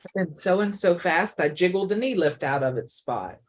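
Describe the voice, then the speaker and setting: A woman co-hosting a casual late-night sewing chat, playful and quick to laugh. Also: fairly low pitch, animated, rough recording. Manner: playful, laughs easily, makes silly sound effects. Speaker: co-host.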